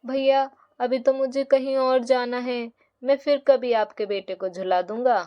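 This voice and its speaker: A woman voicing a kindly grown man who gives children horse rides, talking gently and instructively. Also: fairly high pitch, fairly even intonation, a little slow, clear, resonant tone, natural voice. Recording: dull lo-fi recording.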